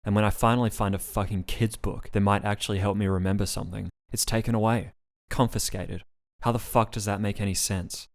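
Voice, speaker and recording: Angry young woman patient, sarcastic, swearing, voiced by a man in a deep low voice, storybook reading. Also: fairly even intonation, brisk, creaky. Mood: furious.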